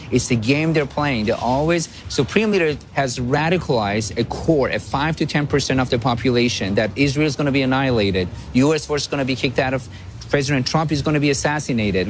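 A man's voice: medium pitch, slight background noise. Man, firm policy analyst. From Iran. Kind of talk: radio interview.

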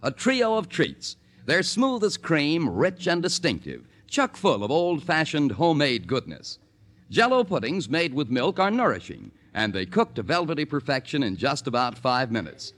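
A man's voice: on the high side, very animated, normal speed, a bit bright. A man with an American accent doing polished, emphatic 1940s radio announcing and sales reads. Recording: old 1940s radio broadcast recording.

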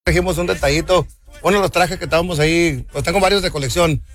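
A man's voice: on the high side, background noise. A man, a guest singer chatting in a friendly way and sending greetings. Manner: friendly, quick, sends greetings. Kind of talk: casual radio chat.

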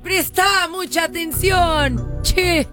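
A woman with a high voice co-hosts a call-in radio show, cheering the caller on and calling her affectionate pet names. Faint music sits behind her. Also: extremely slow, fairly bright tone. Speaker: radio co-host. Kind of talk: playful radio call-in chat.

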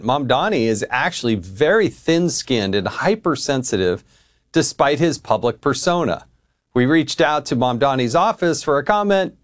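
A man hosting a cable news show, delivering pointed, mocking commentary and introducing guests. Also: medium pitch. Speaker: TV news host.

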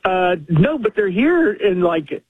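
A man's voice: high voice, big pitch swings, slow, husky, dry recording. A man in his sixties calling in to a radio talk show, explaining earnestly at length. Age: 60s. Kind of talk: casual talk radio call. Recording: tinny phone line.

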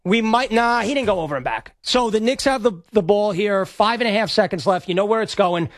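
A sports radio host, male and in the studio, delivers excitable, rambling reactions to a live game, stammering and repeating himself. He speaks briskly in a high-pitched, slightly hoarse voice, with no room sound.

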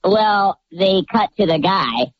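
A man calling in anonymously through a pitch-shifting voice changer, telling a story in a cheery, chatty way with lots of casual asides. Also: expressive, slow, dry recording. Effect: pitch-shifting voice changer disguising his voice. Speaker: anonymous caller. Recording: muffled lo-fi call audio.

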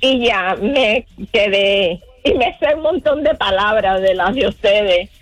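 A woman from Cuba calling in to a radio show, tearful and excited, talking in halting bursts. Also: mid-range voice, dry recording, faint music behind. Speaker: radio caller. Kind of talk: emotional phone-in chat.

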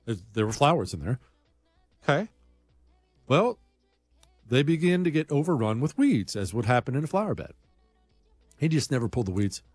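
A man's voice: mid-range voice, sing-song, moderate pace, long pauses, breathy edge, no room sound, soft background music. A man hosting a talk show, delivering a blunt, combative monologue full of rambling asides. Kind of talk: opinionated radio-style monologue.

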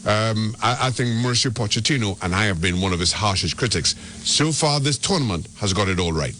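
Man, radio soccer analyst, restarts his sentences, crisp bright voice. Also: fairly low pitch, lively intonation, brisk, slight background noise. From Trinidad and Tobago. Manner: repeats and restarts words when making a point. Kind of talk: radio sports talk.

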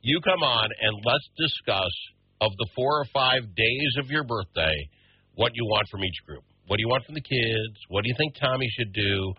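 A man's voice: medium pitch, slightly rough, no room sound. A man in his sixties hosting a radio talk show, chatting casually and joking with his guest. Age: 60s. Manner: jokey, quick asides, laughs often. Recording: slightly dull radio sound.

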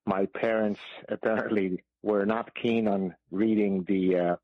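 A man in his fifties from Lebanon, a guest author answering interview questions in a measured way with some hesitations. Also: on the low side, steady tone, no room sound. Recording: tinny phone line.

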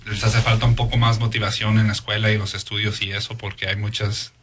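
A man's voice: lowish voice, monotone, quick pace, heavy background noise. A man born in Mexico, a police sergeant answering interview questions in a hesitant way with many fillers.

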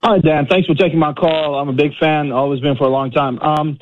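A man's voice: on the high side, fairly even intonation, fairly quick. A man calling in to a sports radio show over the phone, fired up and complaining. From Florida, USA. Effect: phone caller on a radio show. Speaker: caller. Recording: tinny phone line.

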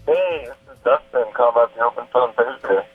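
A man's voice: mid-range voice, a little fast, soft background music. A man in his twenties calling a radio show, chatting casually, his voice muffled by a bad cell phone microphone as if talking into a cup. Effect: muffled bad cell phone mic, like talking into a cup. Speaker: caller. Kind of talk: casual call-in chat.

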